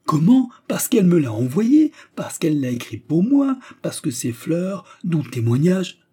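A man voicing an excitable, lovestruck young male suitor who speaks in a breathy, theatrical way. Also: fairly low pitch, normal speed. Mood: excited.

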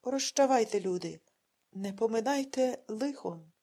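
A woman voicing a desperate, defiant peasant man in an audiobook, in her husky reading voice. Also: sits high, normal speed, darkish tone. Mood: farewell. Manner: defiant, resolute.

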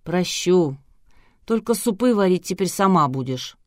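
A woman's voice: fairly low pitch, animated, measured pace, no echo, studio quality. A woman voicing a good-natured, ingratiating man with a criminal past, in an audiobook. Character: genial male ex-convict, ingratiating, middle-aged.

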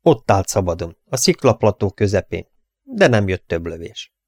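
A man reading an adventure novel aloud as narrator, in a brisk, dramatic storytelling manner, close to the mic. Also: low voice, very animated, a little mellow, no echo. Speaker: audiobook narrator.

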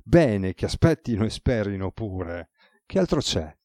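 Voicing a tired, ironic god from a novel, a male reader takes an unhurried, teasing, wry tone. His voice is low and mellow, captured in a close, dry recording.

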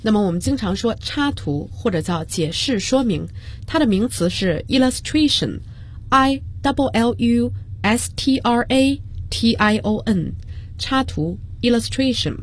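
Female radio English teacher, slightly husky tone, patient and methodical, spells words aloud. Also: a little high, animated. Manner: explains slowly, spells words letter by letter. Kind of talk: radio language lesson. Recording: broadcast studio.

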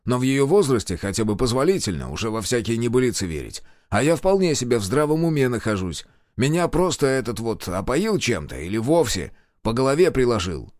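A man voicing a gruff, suspicious police major who barks orders in an audiobook. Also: medium pitch, sing-song, brisk, darkish tone, dry recording, clean studio sound, lightly acted. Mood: barking. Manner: barking orders.

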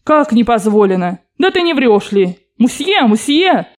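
A woman doing a shrill bossy old grandmother. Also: very animated, a little slow. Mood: indignant. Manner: shrill, urgent, commanding. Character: excitable old grandmother gambler, bossy and loud.

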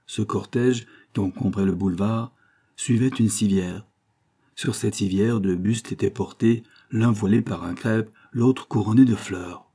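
A man narrates a classic novel in a low, dark voice with a husky edge. He reads steadily and evenly, lifting his pitch and volume for the characters' lines. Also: steady tone, unhurried. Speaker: audiobook narrator.

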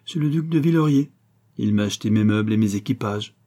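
A man's voice: lowish voice, brisk, mellow, natural voice. A man voicing a carefree, haughty young Parisian count in an audiobook reading, talking in a lofty, teasing way.

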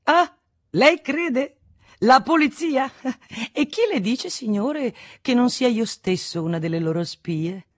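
A woman's voice: low-pitched, lively intonation, moderate pace, no room sound, clean studio sound. A woman reading an audiobook, voicing a sarcastic, laughing young man with a mustache. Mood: mocking.

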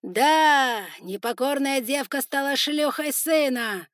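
A woman voicing a cruel older male spider lord in an audiobook, shouting orders in a harsh, contemptuous voice. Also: high voice, takes it slowly, dry recording, studio quality, pitched above the performer's own voice. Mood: scornful. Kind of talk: audiobook character voice.

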